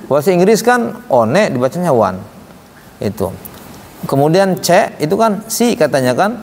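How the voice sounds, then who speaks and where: A Quran recitation teacher leads an informal religious lesson, explaining in a conversational way and often checking understanding with rhetorical questions. His voice is on the high side, very animated, moderately paced, with vocal fry, recorded in a reverberant hall with obvious background noise.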